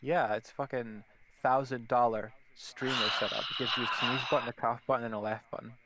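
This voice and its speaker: A man's voice: medium pitch, steady tone, fairly quick, bright, forceful tone, low-quality recording. A man co-hosting a casual podcast, rambling, swearing and laughing often. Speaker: podcast co-host. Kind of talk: casual chat.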